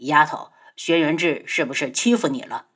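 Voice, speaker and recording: A woman's voice: sits low, expressive, moderate pace, fairly bright tone, slightly rough, pitched below the performer's own voice, exaggerated voice. A woman doing a sneering male sect leader. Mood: scornful. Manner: sneering, threatening. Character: proud male sect leader, scornful and fierce.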